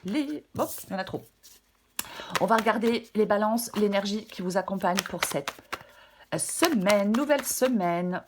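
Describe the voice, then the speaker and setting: A slightly hoarse woman giving a casual, chatty weekly tarot reading, with many fillers and some throat clearing. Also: medium pitch, moderate pace, background noise. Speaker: tarot reader.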